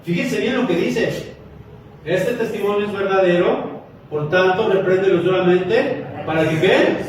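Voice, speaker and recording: Male pastor, lighthearted sermon, high voice, distant and roomy. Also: a little slow, a little hiss or hum. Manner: storytelling, joking with the congregation. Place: church hall. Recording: echoey hall from far off.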